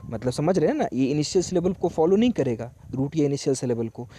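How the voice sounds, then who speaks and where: A man giving a lecture, reading English lines slowly and then explaining each one in Hindi. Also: fairly high pitch, lively intonation, dark tone, a little hiss or hum. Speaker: teacher. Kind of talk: lecture explaining text line by line.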